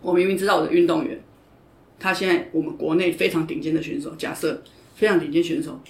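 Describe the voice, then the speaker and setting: A woman's voice: deep voice, fairly even intonation, fast talker. Frank woman coach, echoey room. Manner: frank, emphatic, often repeats herself. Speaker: judo coach and podcast guest. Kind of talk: casual interview chat. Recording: roomy echo.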